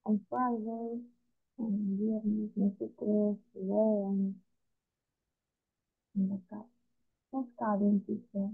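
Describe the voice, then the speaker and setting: Slow, hesitant woman on tinny call. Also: mid-range voice, little pitch movement, vocal fry. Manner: hesitant, asks for help with words. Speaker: student. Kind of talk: online lesson over a call.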